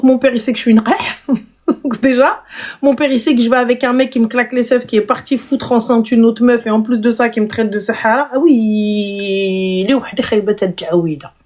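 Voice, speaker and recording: A woman with a high voice hosting a casual live stream. She gives blunt advice in a mocking, animated way and fires off rhetorical questions.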